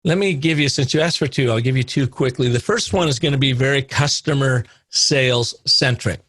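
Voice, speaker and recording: A middle-aged man tells a long anecdote on a podcast with lively energy, slipping into the voices of the people in his story. His voice sits at a middle pitch. The sound is dry and close, with no room echo. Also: brisk. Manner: animated anecdote teller, acts out quoted dialogue. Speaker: guest, storytelling consultant.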